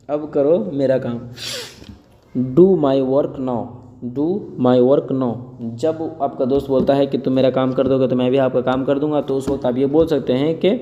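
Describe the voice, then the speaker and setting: A man teaching spoken English, saying each phrase slowly twice and then explaining it quickly in Hindi. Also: medium pitch, mellow, big-room sound, muffled recording.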